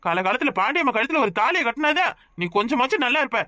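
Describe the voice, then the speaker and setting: A woman's voice: high voice, expressive, fast talker, pushed and bright, no echo, clean studio sound. A woman voicing an impatient young village man who scolds his mother, in a cartoon with a southern Tamil accent. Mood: exasperated. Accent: southern Tamil, Tirunelveli.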